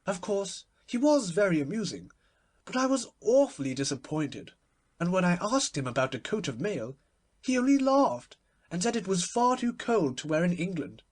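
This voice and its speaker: For a storybook reading, a performer voices a gushing, witty, imperious society hostess, theatrical and emphatic. The mid-range voice is pitched above the performer's natural one, very animated at a moderate pace, with a gushing, lively mood.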